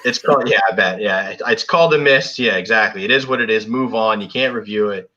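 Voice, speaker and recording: A man's voice: fairly low pitch, fast talker, lo-fi sound, a crowd in the background. A man co-hosting a casual football reaction show, rambling with lots of restarts. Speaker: podcast co-host. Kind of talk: casual sports chat. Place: home, South Florida.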